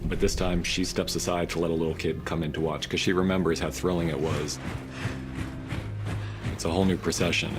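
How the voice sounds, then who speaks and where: A man giving behind-the-scenes interview commentary on a drama series. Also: low-pitched. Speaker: series creator commenting on episode.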